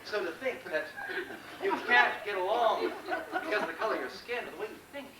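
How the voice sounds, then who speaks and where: An actor playing a deluded, indignant starship captain in a theatrical comic stage monologue, grandiose and halting, with dramatic pauses. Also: male voice, high voice, very animated, a loud crowd. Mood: exasperated. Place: indoor stage performance. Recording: roomy, distant mic, noisy stage recording.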